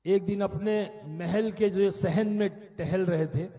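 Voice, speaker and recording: Male preacher, high voice, dramatic storytelling, recites couplets, long reverb from a large venue. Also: mellow. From India. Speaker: Islamic preacher. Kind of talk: religious sermon with storytelling. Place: outdoor religious gathering.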